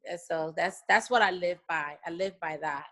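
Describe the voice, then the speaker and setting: A woman's voice: lowish voice, moderate pace, bright, forceful tone. A middle-aged woman from Liberia, answering interview questions in an earnest, repetitive way, with many "you know"s. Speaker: interview guest. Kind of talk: remote interview, casual.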